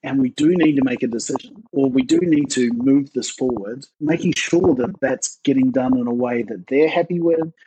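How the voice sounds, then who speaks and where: A man's voice: medium pitch, normal speed, few pauses, mellow, slight background noise, low-quality recording. A middle-aged man, an outgoing podcast guest who talks at length in a casual, rambling way. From New Zealand. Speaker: podcast guest, ministry worker. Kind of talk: casual interview chat.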